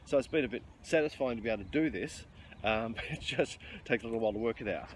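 A middle-aged fishing vlogger with a mid-range voice talks quickly as he fishes from a riverbank by a bridge. He keeps up casual commentary full of ums and restarts, explaining what he's doing, and the noisy outdoor audio comes from a close-up handheld camera.

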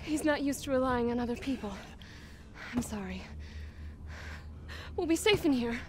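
A woman's voice: high voice, expressive, normal speed, a little hiss or hum. An actress playing a young village woman who pleads urgently to save her father. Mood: pleading.

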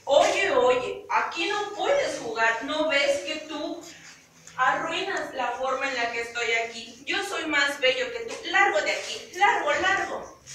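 A woman's voice: a little high, a little slow, pushed and bright. A woman playing an old talking tree, Mexican accent, in a storybook telling, echoey and distant. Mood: haughty. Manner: lamenting, later haughty and scolding. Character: old sad then vain talking tree. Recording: echoey room, far from mic, noisy.

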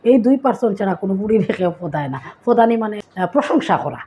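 A woman vlogger with a Sylheti accent, casually explaining local sayings and acting them out with lively bits of storytelling. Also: medium pitch, quick pace, slight background noise.

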